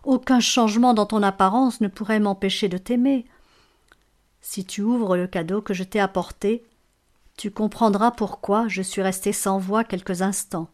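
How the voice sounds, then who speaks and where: A woman's voice: mid-range voice, steady tone, moderate pace, darkish tone, natural voice. An earnest, loving young husband from a storybook, read by a woman narrator. He speaks in a reassuring, sincere way. The voice stays near the narrator's own.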